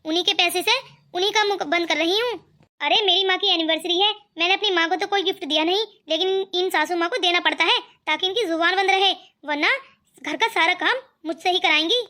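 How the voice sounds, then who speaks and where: A woman's voice: extremely high pitch, fairly quick, sharp tone. A woman voicing a sly, smug daughter-in-law. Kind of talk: cartoon voice acting.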